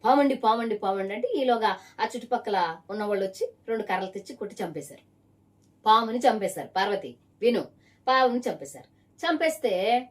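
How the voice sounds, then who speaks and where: At a middling pitch, a woman evangelist from around Visakhapatnam, Andhra Pradesh, delivers a preaching testimony. She speaks emphatically and keeps pressing a single listener with pointed rhetorical questions, captured from a distance.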